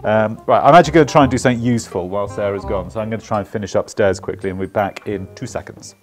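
A man's voice: lowish voice, very fast, music in the background. Chatty swearing tradesman on site. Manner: chatty, swears casually, jokey asides. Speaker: electrician vlogger. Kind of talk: casual on-site vlog. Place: house under renovation, indoors.

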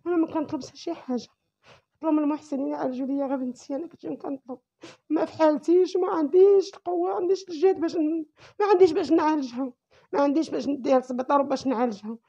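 A woman's voice: high-pitched, steady tone, rapid-fire, mellow. A Moroccan woman, distressed and tearful, pleading emotionally and repeating herself into a handheld interview microphone. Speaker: interviewee, mother appealing for help for her sick child. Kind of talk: emotional personal plea. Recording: dull, lo-fi field recording.

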